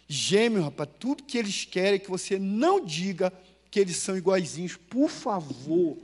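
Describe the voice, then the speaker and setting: A Brazilian man preaching a sermon as pastor in a church, telling stories, asking the congregation questions and swinging between loud and hushed. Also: high voice, very animated, brisk. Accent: Brazilian Portuguese.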